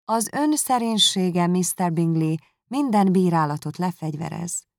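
A woman reading aloud, voicing a composed young woman with a gently ironic manner. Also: lowish voice, lively intonation, gravelly, dry recording, studio quality.

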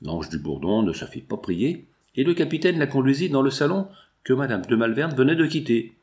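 A man reading a classic novel aloud in a measured, expressive way. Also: medium pitch. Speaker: audiobook narrator. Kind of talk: scripted narration.

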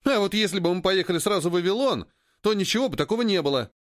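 A man's voice: high voice, lively intonation, fast talker, fairly bright tone, dry recording, studio quality, voice pushed up. A man voicing a thin, stooped young male trader who keeps complaining. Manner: whiny, complaining.

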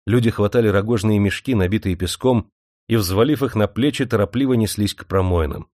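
A man narrating a novel in steady, measured storytelling. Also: lowish voice, no room sound. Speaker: audiobook narrator. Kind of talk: scripted narration. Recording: dry studio audiobook recording.

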